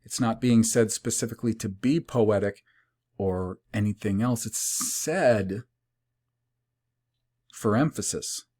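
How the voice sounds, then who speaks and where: A man giving an explanatory scripture talk, deliberate and emphatic, repeating key words and pausing with an occasional filler. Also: lowish voice, warm tone. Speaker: Bible language presenter.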